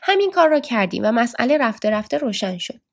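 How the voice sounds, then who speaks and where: A woman's voice: a little high, very animated, no room sound. Give me a woman narrating a story steadily, recorded dry and close. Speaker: audiobook narrator. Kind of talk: scripted narration.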